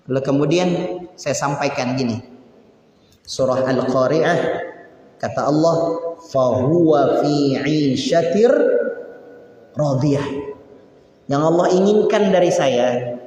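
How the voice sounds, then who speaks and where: A man preaching a casual, conversational sermon in a mosque. He keeps addressing the listeners directly and builds to emphatic peaks. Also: fairly high pitch. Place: large mosque hall. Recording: very echoey mosque hall.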